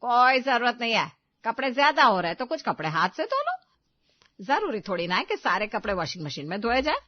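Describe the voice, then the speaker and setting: A woman voicing a stubborn older mother-in-law who taunts and scolds loudly in a cartoon story. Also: mid-range voice, sing-song, brisk, dull audio. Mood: scolding. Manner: loud, sharp, taunting.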